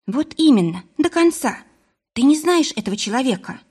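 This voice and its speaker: A woman reading a frightened young woman who speaks anxiously in a husky voice. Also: high voice, very animated, normal speed, a little mellow, pitched above the performer's own voice, heavily acted. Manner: anxious, tense.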